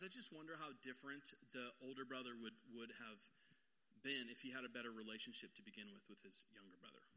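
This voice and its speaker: A man's voice: a little high, sharp tone, long reverb tail. A man preaching a sermon to his congregation, emphatic, repeating phrases and calling them guys. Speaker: pastor. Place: church sanctuary.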